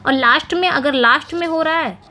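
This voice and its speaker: A woman explains English literary terms for exam preparation, going through each answer step by step. She reads English phrases out slowly and carefully. Her voice sits high, with a faint background hum. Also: bright, forceful tone. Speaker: English teacher. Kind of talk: exam-prep lesson explaining multiple-choice answers.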